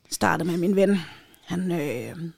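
A woman's voice: on the low side, lively intonation, gravelly, a little mellow, breathy edge, dry recording, clean studio sound. A woman from Denmark, a podcast co-host, telling a story in casual chat and acting out the quotes of the people in it with changed voices.

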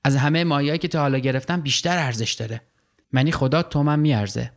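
A man's voice: fairly high pitch, pitched above the performer's own voice, close to an everyday voice. A man voicing a boastful, fierce male river fisherman who taunts his prey in a storybook reading. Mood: eager.

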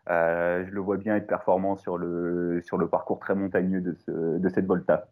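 A man taking part as a guest expert in a casual podcast chat, relaxed and laughing often. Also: deep voice, moderate pace. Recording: dull lo-fi line.

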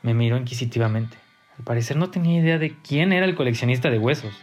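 A man tells a grim first-person horror tale. His delivery is tense and dramatic, climbing higher at the sharp turns. Faint music plays quietly under his voice. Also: quick pace. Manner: tense, dramatic, rises in pitch at key moments. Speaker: narrator.

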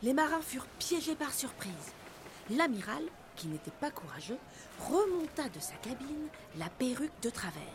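Lively woman reading a storybook. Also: sits high, moderate pace, background noise. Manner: expressive, lively. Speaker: narrator. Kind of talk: storybook narration.

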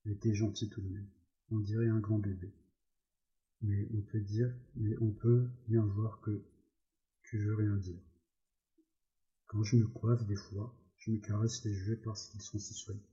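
A man's voice: lowish voice, little pitch movement, unhurried, pauses often, mellow, muffled recording, lightly acted. A man voicing a vain, teasing young ranch wife.

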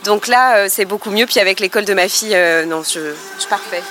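A woman chatting as a guest, calm and composed, speaking in full sentences. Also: medium pitch, brisk, soft background music. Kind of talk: casual chat.

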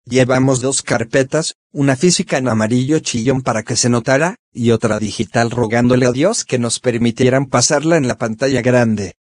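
Synthetic male narrator, medium pitch, measured scripted diary delivery, very dry close sound. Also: darkish tone, no room sound. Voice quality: synthetic text-to-speech voice. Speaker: columnist narrating his weekly diary. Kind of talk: scripted first-person narration.

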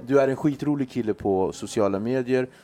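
A man's voice: medium pitch, darkish tone. A man hosting a podcast who speaks in a reflective, encouraging way. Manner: reflective, encouraging, with many fillers. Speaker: podcast host. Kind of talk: casual podcast chat.

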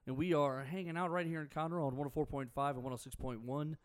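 A man's voice: fairly high pitch, fairly even intonation, fast talker. A young man hosting a local sports radio show, chatting loosely with jokes and asides. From Houston area, Texas. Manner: joking, loose banter with asides. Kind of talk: casual sports radio chat.

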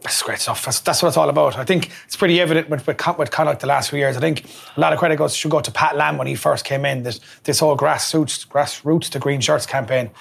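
An Irish man talks very quickly as a sports show host. His slightly high voice has a lot of creak, and he rambles enthusiastically through casual chat. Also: fairly bright tone.

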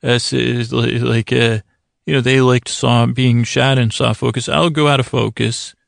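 A podcast host with a very creaky, gravelly, medium-pitched voice delivers a rambling bedtime monologue meant to help listeners sleep. His tone is level and the sound is very dry and close, with no room sound. He meanders and halts, often repeating words and trailing off into tangents, in a gently silly, self-deprecating way.

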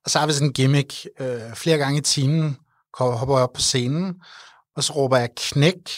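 A middle-aged man talks earnestly and with animation about his charity event, his voice sitting at an ordinary pitch. The sound is close and dry, with no room around it. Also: fairly even intonation, dry recording. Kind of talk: interview conversation.

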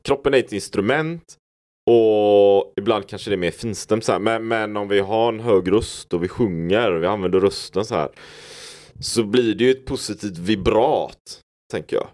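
Low-voiced man rambling on a podcast. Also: a little mellow. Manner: reflective, rambling storyteller. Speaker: podcast host. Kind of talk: casual podcast conversation.

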